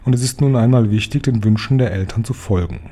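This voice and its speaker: A man voicing a serious, protective old grandmother who smokes cigars, speaking calmly and earnestly. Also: mid-range voice, quick pace, natural voice.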